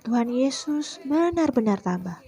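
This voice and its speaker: Woman teacher telling a children's Bible story, higher pitched, breathy, expressive, speaks straight to the kids. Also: unhurried, soft background music. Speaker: Sunday school teacher.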